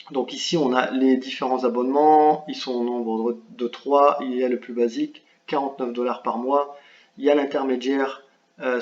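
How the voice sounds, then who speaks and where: A man talks viewers through a software tool in a screen-share tutorial, halting often with fillers and restarts. His voice sits at a middle pitch. The recording sounds roomy and a bit dull. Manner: hesitant, many fillers and restarts; apologetic about his English pronunciation. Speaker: online business tutor.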